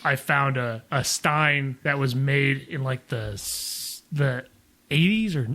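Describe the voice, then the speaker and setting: Bright-voiced man rambling in a beer chat. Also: mid-range voice, slow. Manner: rambling, excitable, swears freely. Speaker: podcast co-host. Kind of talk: casual beer-tasting chat.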